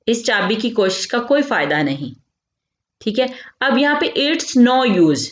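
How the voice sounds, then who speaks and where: A woman teaching English grammar, reading out example sentences deliberately and then quizzing herself with a question and its answer. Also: a little high. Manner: asks quiz questions and answers them herself. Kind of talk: explanatory grammar lesson. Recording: roomy, dull lo-fi recording.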